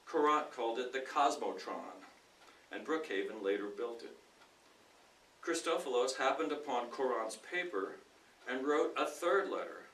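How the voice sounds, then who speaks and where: A man reads nonfiction aloud as a speaker in a reading contest, with a bright, forceful voice. His delivery is deliberate and emphatic, broken into short phrases. The room echoes around him and the microphone sits at a distance. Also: mid-range voice. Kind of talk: expressive reading aloud of nonfiction to a live audience. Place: indoor room at a speaking club meeting. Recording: roomy, distant mic with faint noise.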